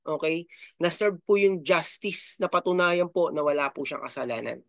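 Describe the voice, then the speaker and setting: A man's voice: on the high side, expressive, moderate pace, no room sound, clean studio sound. A middle-aged man from the Philippines hosting a channel in casual commentary, chatty and full of fillers and tag questions. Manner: chatty, filler-heavy, frequent "no?" and "di ba?". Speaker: YouTube channel host.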